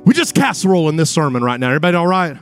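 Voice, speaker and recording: A male preacher delivers a revival sermon in a fairly high voice. His phrasing is dramatic and rhetorical, with repeated lines aimed straight at the congregation. Faint music plays behind him. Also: sing-song, smooth. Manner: dramatic, building from hushed, drawn-out phrases to high, sing-song cries; rhetorical repetition and direct address to congregation.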